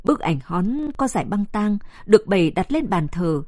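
A woman narrating a novel in a measured, steady storytelling manner. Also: medium pitch, dry recording, studio quality.

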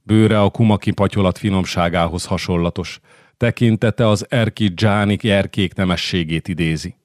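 A man's voice: deep voice, fairly even intonation, no echo, clean studio sound, lightly acted. A man voicing an old Greek midwife who mutters and murmurs, in an audiobook reading. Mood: admiring. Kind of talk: audiobook character voice.

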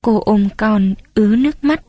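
A woman reads a story aloud in a calm, measured way. Her voice is mellow and warm. The recording is close and dry. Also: medium pitch, no room sound. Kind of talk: storybook narration.

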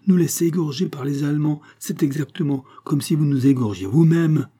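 A man voicing a hot-tempered farmer who rouses a crowd with loud, commanding shouts. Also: fairly high pitch, fairly quick, slightly rough, pitched above the performer's own voice. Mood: fiery.

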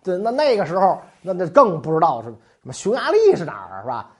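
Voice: medium pitch, wildly swooping pitch, quick pace, darkish tone. A history podcast host telling a comic, colloquial history story with slangy jokes and asides.

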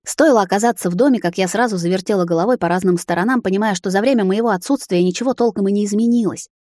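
A woman reading a romantic fantasy novel aloud in the first person, soft and even. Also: medium pitch, very fast, no echo, clean studio sound. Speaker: audiobook reader. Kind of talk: scripted first-person narration.

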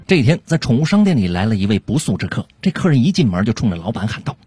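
A man's voice: fairly low pitch, big pitch swings, rapid-fire, music in the background. A man narrating short comedy stories on a radio show in a storytelling manner.

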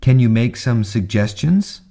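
A man reading example sentences and words aloud for a radio lesson, with careful, deliberate pronunciation. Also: medium pitch, expressive, creaky, mellow. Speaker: model reader for lesson.

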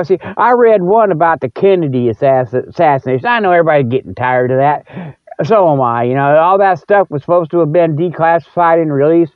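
This podcast host has a fairly high, clean-toned voice and rambles casually through a solo talk-show monologue, folksy, repetitive and halting. There's no echo, though the recording sounds narrow, like a phone line.

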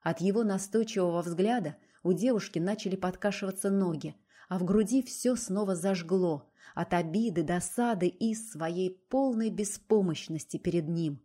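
Mellow low-voiced woman narrating a novel. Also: normal speed. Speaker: audiobook narrator. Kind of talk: scripted romance narration.

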